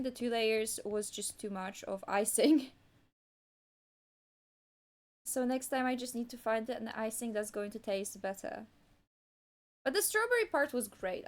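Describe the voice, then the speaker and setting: A young woman whose first language is Polish chats casually on an art livestream while drawing. Her slightly high voice wanders hesitantly, full of restarts and fillers.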